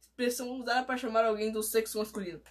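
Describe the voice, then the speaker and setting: Woman co-host, slightly high voice, reads definitions then jokes. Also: steady tone, very fast. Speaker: podcast co-host. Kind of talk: casual chat, reading out slang definitions.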